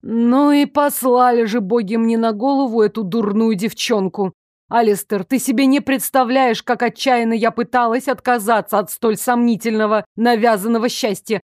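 A woman reading an audiobook voices a sharp-tongued, disapproving older female archivist who talks bluntly and scornfully. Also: mid-range voice, normal speed, no echo, studio quality, lightly acted. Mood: indignant.

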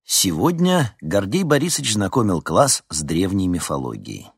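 Expressive male audiobook narrator, husky and lowish, lively pitch, dry close mic. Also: moderate pace, no room sound. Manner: expressive reading. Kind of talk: scripted narration.

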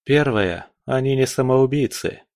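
A man voicing a calm young male necromancer who lays out his arguments point by point in an audiobook. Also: medium pitch, measured pace, no echo, studio quality, voice pushed up, lightly acted. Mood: calm, persuasive.

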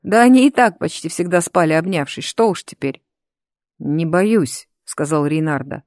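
Female audiobook narrator, lowish pitch, dry close sound, steady delivery. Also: brisk, dry recording. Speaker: audiobook reader.

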